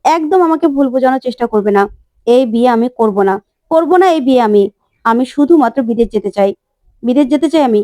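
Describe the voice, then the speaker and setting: Titli, a headstrong young bride who snaps and scolds in a high, quick voice, as a woman storyteller puts her on. She sounds mellow and dry, as in a retold TV serial. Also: expressive, no room sound, natural voice. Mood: defiant. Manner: defiant, scolding, shouting demands. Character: headstrong young bride set on going abroad.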